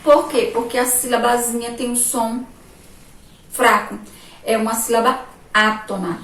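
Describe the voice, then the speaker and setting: A woman's voice: fairly high pitch, steady tone, fairly bright tone. A Brazilian woman teaching a remote lesson to young children, speaking patiently and asking them frequent questions, recorded from a distance with a faint background ambience. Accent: Brazilian Portuguese. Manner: slow, patient, asks questions often. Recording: roomy echo, distant mic, faint noise.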